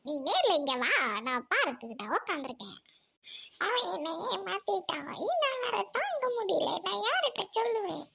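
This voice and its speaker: A woman doing a melodramatic girl in love, bossy, trichy tamil, super high and all over the place. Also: very animated, normal speed, vocal fry, sharp tone, exaggerated voice. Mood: dramatic. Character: dramatic lovestruck young woman, Rottan. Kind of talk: comedy skit acting.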